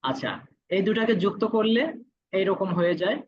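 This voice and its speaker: Patient male teacher, muffled lo-fi audio. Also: high-pitched. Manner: patient, repeats each vowel sound slowly. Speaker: Korean language teacher. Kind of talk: classroom lesson.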